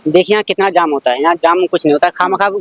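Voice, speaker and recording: A man answering a street interviewer, arguing rapidly and with heat. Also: high voice, fairly bright tone, no echo.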